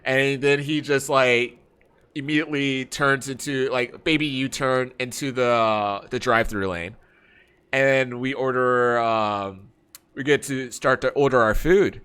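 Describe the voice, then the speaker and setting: A man's voice: medium pitch, unhurried, clear, resonant tone. A man streaming a game, casually telling an anecdote in slangy talk, acting out his friends' lines and laughing often. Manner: relaxed slangy talk, calls people bro and man. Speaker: let's play streamer. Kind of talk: casual storytelling while gaming.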